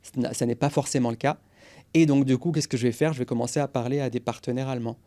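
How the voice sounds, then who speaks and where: A man's voice: medium pitch, steady tone, fast, mellow. A man in his forties, a guest on a podcast interview, explaining go-to-market strategy with energy and English business jargon.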